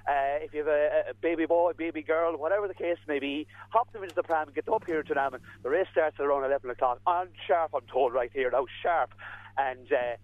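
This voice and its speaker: Casting: Irish male radio roving reporter, high-pitched, rambling and jokey, heard down a thin phone line. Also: quick pace, no echo. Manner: jokey, rambling, repeats words. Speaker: radio outside-broadcast reporter. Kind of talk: casual live banter and event report. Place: outdoors at a community run.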